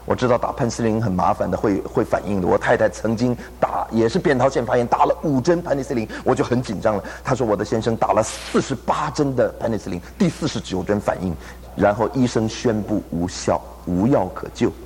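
A man's voice: lowish voice, fairly quick, a little mellow, a little hiss or hum. A man preaching a sermon, telling a story animatedly and acting out the people he quotes. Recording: long hall reverb.

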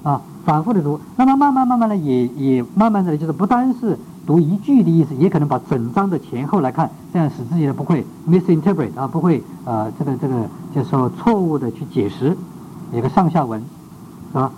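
A man's voice: a little high, lively intonation, fairly quick. A man teaching a devotional class as a Bible teacher, full of "ah" fillers and rhetorical checks, dropping English words into his speech. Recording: dull lo-fi recording with faint background noise.

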